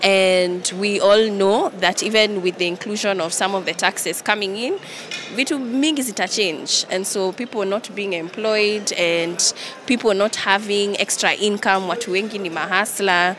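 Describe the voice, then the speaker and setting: A woman's voice: medium pitch, moderate pace, a crowd in the background. A young woman with a Kenyan accent giving an interview into reporters' microphones, switching between English and Swahili. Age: young adult. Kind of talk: on-the-spot media interview. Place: large indoor event hall. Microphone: handheld reporters' microphones. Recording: clear background noise of busy hall.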